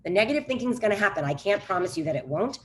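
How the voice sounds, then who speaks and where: A woman giving a casual webinar talk as a psychologist, chatty and animated, full of quick asides and rhetorical questions, speaking into a computer mic on a video call. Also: medium pitch, a little hiss or hum. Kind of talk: informal webinar presentation.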